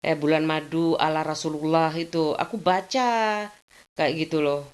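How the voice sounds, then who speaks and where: A middle-aged woman, chatting at home in a rambling, venting way, her voice jumping up in complaint and sinking to low murmurs. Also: fairly even intonation, normal speed. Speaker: vlogger. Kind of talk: casual chat.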